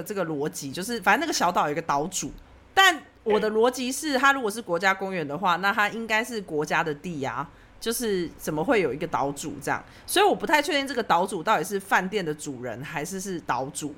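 Lively fast-talking woman telling a story. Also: mid-range voice. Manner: animated storytelling, acting out her own past lines. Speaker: podcast host telling a story. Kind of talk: casual chat.

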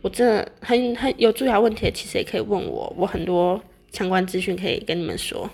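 Chatty young Taiwanese woman with creaky voice. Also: medium pitch, fast, a little mellow. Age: young adult. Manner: rambling, repeats words and corrects herself. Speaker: vlogger sharing personal experience. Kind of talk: casual chatty monologue to viewers.

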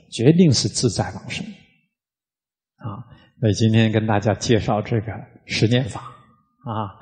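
A man, a Buddhist monk, gives a casual, conversational dharma talk, often opening his phrases with a drawn-out "ah" and sometimes chanting quickly in rhythm. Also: medium pitch, darkish tone, big-room sound. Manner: demonstrates rapid rhythmic chanting.

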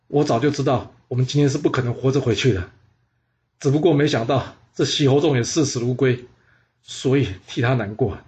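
A man's voice: mid-range voice, fairly quick, darkish tone, close to an everyday voice. A man voicing a proud, defiant ancient warrior with an indignant tone. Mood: grave.

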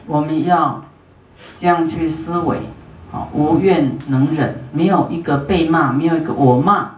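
Buddhist nun lecturing in a roomy hall. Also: female voice, deep voice, darkish tone, a little hiss or hum. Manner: unhurried, with many drawn-out "ah" fillers; asks the audience questions and to raise hands. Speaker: Buddhist dharma teacher. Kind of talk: dharma lecture to an audience. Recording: roomy hall sound, voice from a distance.

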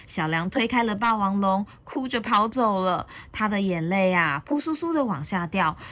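A woman storyteller reading a picture book aloud, expressive and steady. She stops now and then to ask listeners questions, speaking at a middle pitch for a woman. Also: normal speed.

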